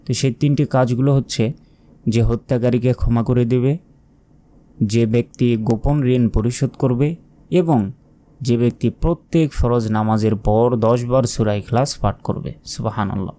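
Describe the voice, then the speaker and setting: A man with a Bangladeshi Bengali accent teaching Quran recitation, calmly and patiently repeating each word. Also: medium pitch, normal speed. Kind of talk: religious lesson with slow recitation.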